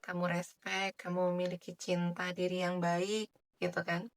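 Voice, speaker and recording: A woman giving a general tarot reading in a soft, chatty way, with many filler tags. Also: on the low side, completely flat delivery, moderate pace. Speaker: tarot reader.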